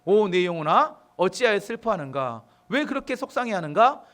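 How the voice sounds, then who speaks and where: A male pastor preaching a sermon, calm when he reads scripture and loud when he urges the congregation. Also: sits high, moderate pace. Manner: emphatic preaching that rises to loud exhortation; reads scripture aloud in a calmer, softer tone.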